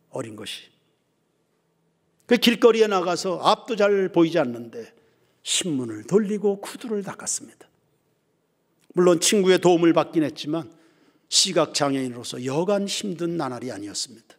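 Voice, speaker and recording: A male pastor preaching a sermon, swinging from ringing emphasis down to hushed near-whispers. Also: on the high side. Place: church sanctuary. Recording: reverberant church hall.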